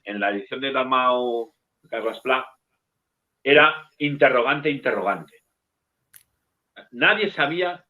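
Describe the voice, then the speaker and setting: Lively storyteller on a tinny line. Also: male voice, medium pitch. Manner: lively storyteller, swears casually. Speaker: bookseller and guest. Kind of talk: casual anecdote telling.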